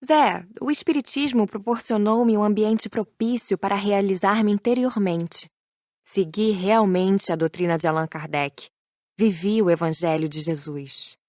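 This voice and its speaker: A woman narrating an audiobook drama in a clear, even manner. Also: medium pitch, a little slow, no room sound, studio quality, lightly acted.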